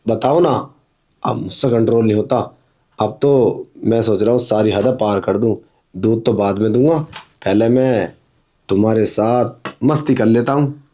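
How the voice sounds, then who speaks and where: A man's voice: fairly low pitch, measured pace, warm tone. A man playing a pushy young milkman who wheedles and insists in a melodramatic drama. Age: young adult.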